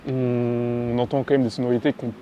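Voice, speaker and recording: A man with a mellow, darkish voice asks long, rambling questions in a casual interview. He often repeats his guest's words back to him. Faint noise sits behind his voice. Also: mid-range voice, level tone, brisk, dull audio.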